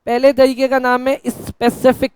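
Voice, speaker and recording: A male teacher giving a lecture in a playful way, dictating notes slowly word by word and answering his own questions in a mock student voice. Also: very high-pitched, monotone, slight background noise. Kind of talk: classroom lecture.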